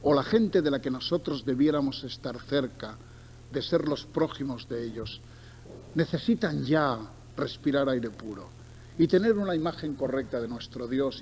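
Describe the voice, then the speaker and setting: His voice medium in pitch and darkish in tone, a middle-aged man from Barcelona with a Spain accent gives a sermon built on Bible readings and stories. He stresses points through emphatic repetition and addresses his listeners in conversational asides; background noise is noticeable.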